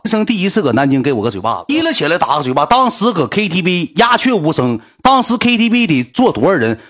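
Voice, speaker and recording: A man spins a story fast and with lively swings in pitch. He talks bluntly and swears freely, throwing in sound words as he goes. His voice sits a bit high and has a husky edge. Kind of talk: casual spoken storytelling.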